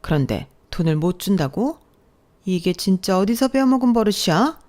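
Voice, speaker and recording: A woman's voice: medium pitch, expressive, normal speed, mellow, voice pushed up, lightly acted. A woman voicing a brazen, scolding older mother-in-law who demands money, in a bossy, contemptuous radio-drama manner. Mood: furious. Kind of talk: Korean radio drama story reading.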